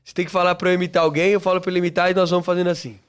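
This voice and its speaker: A man's voice: high voice, flat delivery, rapid-fire, smooth. A man, a playful, swearing podcast host in casual chat.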